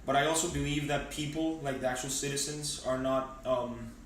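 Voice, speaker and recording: A man's voice: mid-range voice, fairly even intonation, normal speed, a little hiss or hum. Hesitant teenage boy in an echoey room. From Venezuela. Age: teens. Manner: hesitant, many fillers and restarts. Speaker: interviewee. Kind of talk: casual interview answers. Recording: echoey room, mic at a distance.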